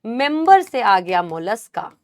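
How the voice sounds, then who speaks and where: A woman biology teacher, lecturing a class and drilling a memory trick through slow repetition. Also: on the high side, very animated. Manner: slow drilling repetition, addresses students as beta.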